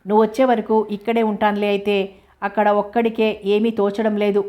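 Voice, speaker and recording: A woman's voice: mid-range voice, level tone, normal speed, mellow, natural voice. A woman narrator voicing an anxious, lonely male patient who talks in a plaintive way. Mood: worried.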